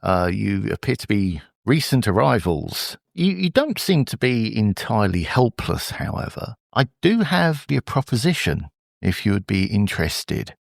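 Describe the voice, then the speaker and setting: A man's voice: fairly low pitch, very animated, normal speed, creaky, dry recording, studio quality, full character voice. A man voicing an alluring, mysterious woman with a persuasive proposition, in a tabletop role-play. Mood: coaxing.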